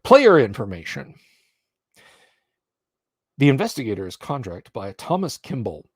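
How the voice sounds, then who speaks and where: A man's voice: medium pitch, huge pitch swings, measured pace, breathy edge, no echo, studio quality. A man narrating a tabletop horror game live as game master, reading aloud and commenting.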